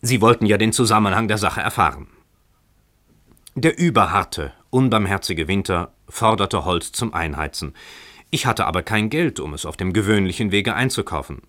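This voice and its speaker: A man voicing a poor tenant who talks calmly and wryly, defending himself with mock-earnest reasoning in a radio story reading. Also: on the low side, normal speed. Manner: calm, wry, overly reasonable.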